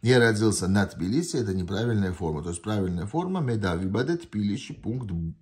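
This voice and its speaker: Here a language tutor patiently goes over test answers from a printed sheet held in hand, pausing and correcting himself as he thinks aloud. He speaks a little fast and sounds animated, his voice lowish and a little mellow. A downward-facing phone camera captures the sheet as he sits at a desk indoors.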